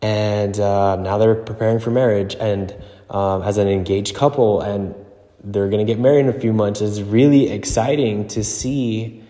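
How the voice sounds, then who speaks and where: A man with a slightly low, somewhat mellow voice hosts a show by thinking aloud. He talks casually and haltingly, with no script. His voice rings around an echoing gym with a long reverberant tail. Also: fairly even intonation. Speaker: podcast host and relationship coach. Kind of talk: casual solo talk, unscripted.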